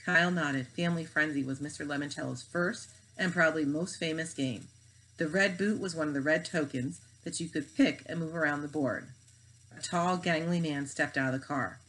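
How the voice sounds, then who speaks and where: Brief: woman reader, lowish voice, steady read-aloud storytelling. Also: normal speed, low-quality recording. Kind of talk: reading a children's novel aloud.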